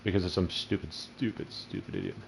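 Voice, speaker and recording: Man, very low voice, crude rambling gameplay commentator. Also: big pitch swings, brisk, vocal fry, slight background noise, low-quality recording. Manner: crude, profane, rambling storyteller. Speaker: gaming channel host.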